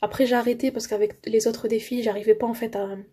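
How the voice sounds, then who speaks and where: A woman's voice: on the high side, little pitch movement, fast talker, slightly rough. A young woman vlogging her monthly budget, chatting enthusiastically with many fillers as she fills savings envelopes. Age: young adult. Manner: counts banknotes softly under her breath. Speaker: budgeting YouTuber. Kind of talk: casual vlog narration while filling savings envelopes.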